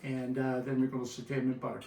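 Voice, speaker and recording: A middle-aged man with an Austrian accent, a chef walking through a cooking demonstration in a relaxed, instructive way with many "uh" fillers. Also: medium pitch, fast talker, gravelly. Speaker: guest chef. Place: home kitchen. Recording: echoey kitchen from far off, faint hiss.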